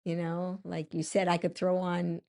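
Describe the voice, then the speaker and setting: A woman's voice: fairly low pitch, completely flat delivery, normal speed, gravelly, a little mellow. An older woman co-hosting a podcast with her husband, speaking in a reflective, hesitant way with many restarts. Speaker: podcast co-host. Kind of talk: casual chat.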